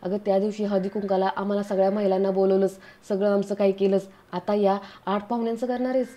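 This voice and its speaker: A woman's voice: mid-range voice, little pitch movement, quick pace, dark tone, natural voice. A woman voicing a sly, talkative neighbor who chatters on and makes excuses.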